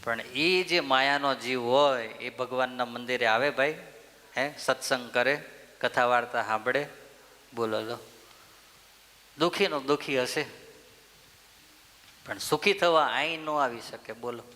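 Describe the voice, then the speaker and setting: Swami preaching in a reverberant hall. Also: male voice, mid-range voice, a little slow, long pauses, sharp tone. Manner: storytelling, asks the audience questions and answers them. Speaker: swami giving a temple discourse. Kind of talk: sermon with a story.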